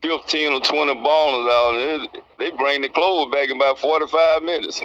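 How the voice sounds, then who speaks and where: In a slightly high, steady, fairly bright voice at normal speed, a prison inmate in his sixties with a Southern Alabama accent casually answers interview questions about his experience, plainspoken and colloquial. The highs are cut off, with a little hiss or hum.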